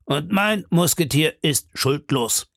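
Male reader doing a proud captain of musketeers, high-pitched, gravelly, insistent declaiming. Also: expressive, slow, fairly bright tone, no room sound, studio quality, exaggerated voice. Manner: bold, insistent, raised declaiming voice. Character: proud defiant captain of musketeers, middle-aged man. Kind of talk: audiobook character voice.

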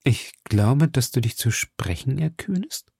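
A man voicing a calm, phlegmatic musketeer nobleman who speaks low and measured. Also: creaky, husky, no echo, clean studio sound, full character voice.

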